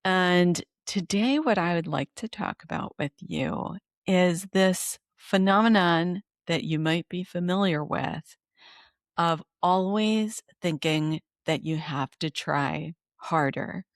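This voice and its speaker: A middle-aged woman talks through a solo podcast episode in a gentle, reflective way. Her pace is slow and her voice sits a little low. The sound is close and dry, with faint music underneath. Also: no echo. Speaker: podcast host and therapist.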